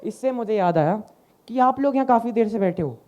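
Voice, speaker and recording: A man's voice: high voice, expressive, fairly quick, mellow. A young man performing a stand-up comedy set, telling a story and acting out the dialogue.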